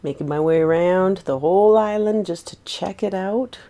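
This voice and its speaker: A woman's voice: lowish voice, normal speed, dark tone. A woman in her forties chatting in a rambling, easygoing way while streaming a game, laughing easily. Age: 40s. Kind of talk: casual gameplay chat.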